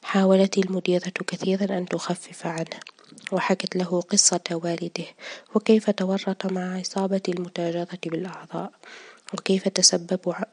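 A woman reading a story aloud in a soft, partly whispered way. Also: lowish voice, breathy edge. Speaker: narrator. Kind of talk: scripted story narration.

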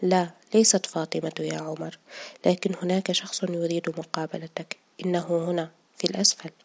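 A woman voicing a stern middle-aged orphanage director who speaks curtly and in a hushed way. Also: on the low side, little pitch movement, a little fast, gravelly, husky.

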